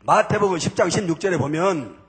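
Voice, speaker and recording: Very husky high-voiced man testifying. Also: expressive, fairly quick. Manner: emphatic storytelling, punchy repeated intensifiers. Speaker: church deacon giving testimony. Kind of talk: spoken testimony from a church pulpit. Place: church sanctuary before a congregation.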